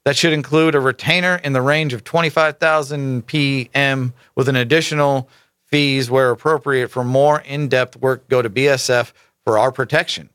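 A man talks through news items in a casual commentary show, reading lines aloud and then breaking off into emphatic asides. His pitch sits in a middle range and the sound is close and dry, with no room around it. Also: a bit bright, dry recording. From United States. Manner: emphatic, rhetorical asides, stumbles over names. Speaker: political commentary host.

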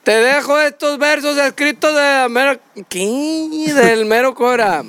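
High-voiced Mexican man reciting a comic poem. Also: fairly bright tone, no echo. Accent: Mexican Spanish. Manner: joking, laughs often, slow drawn-out recital. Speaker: podcast co-host.

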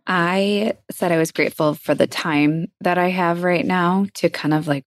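A woman's voice: on the low side, steady tone, normal speed, dry recording, clean studio sound. A middle-aged woman co-hosting a podcast, talking in a rambling, reflective way with many fillers. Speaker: podcast co-host. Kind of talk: casual chat.

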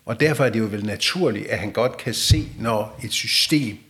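A male podcast host with an ordinary, mid-pitched voice speaks calmly. He sums up his guest's points and then asks short, probing questions. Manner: calm, summarizing and probing. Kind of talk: interview questions.

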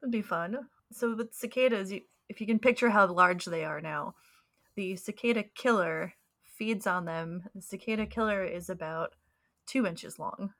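A woman co-hosting a podcast over a video call, explaining insects in a relaxed, casual way with easy laughter. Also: mid-range voice, normal speed. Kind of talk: casual chat.

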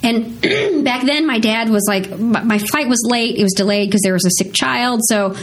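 A woman's voice: fairly high pitch, lively intonation, moderate pace. A woman in her thirties, born in South Korea and raised in Missouri, tells her story in a casual interview, laughing often and filling her talk with "like" and "you know". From born in South Korea, raised in rural Missouri. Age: 30s. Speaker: guest.

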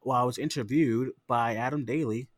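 A man's voice: medium pitch, brisk, dry recording, studio quality. A man co-hosting a late-night podcast in casual, ranting chat, tired and swearing freely. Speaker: podcast co-host.

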